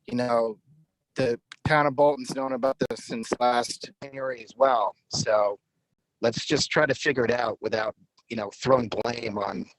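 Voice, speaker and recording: A man's voice: mid-range voice, fairly even intonation, moderate pace, no echo, poor audio. A man speaking in a public meeting over a video call with a choppy connection, earnest and repeating words as he makes his point. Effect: video call audio with a connection breaking up. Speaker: town meeting participant.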